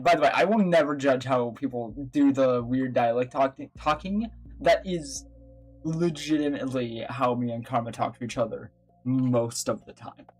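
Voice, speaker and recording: A casual livestream host who rambles from thought to thought and giggles between sentences. The voice is breathy and sits at an ordinary middle pitch, with faint music playing underneath. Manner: rambling, giggly, quick to apologize.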